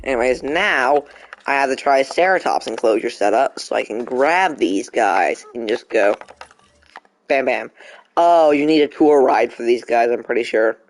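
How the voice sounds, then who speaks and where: A man's voice: medium pitch, expressive, a little slow, slight background noise. A young man streaming a game, chatting casually and talking back to the game in mock frustration. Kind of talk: casual live gameplay commentary.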